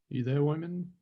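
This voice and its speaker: Man, husky voice, meeting chair, heard over a video call, computer mic, brief matter-of-fact remarks. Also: a little high, warm tone, highs cut off. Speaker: session chair. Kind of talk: moderating an online science meeting.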